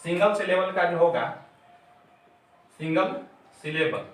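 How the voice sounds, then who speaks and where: A man's voice: fairly high pitch, fairly bright tone. A man teacher explaining a grammar lesson step by step, repeating his key terms. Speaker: English teacher. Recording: very echoey room, mic far off.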